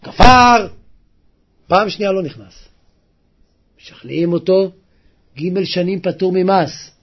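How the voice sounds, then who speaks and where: A man preaching a sermon, telling a story dramatically and acting out the quoted lines with rising pitch and cries. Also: muffled recording.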